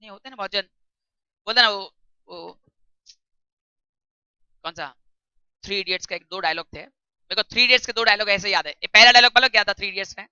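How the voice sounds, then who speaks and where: A woman tutor giving a classroom lecture, reading English text slowly and explaining it in chatty while quizzing her students. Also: mid-range voice, sharp tone, smooth, dry recording. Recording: dull lo-fi recording.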